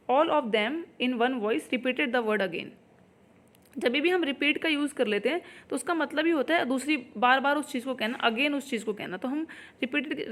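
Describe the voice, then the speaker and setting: A woman teaching an English grammar lesson for exam prep, reading example sentences slowly and correcting herself as she goes. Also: sits high, a bit bright.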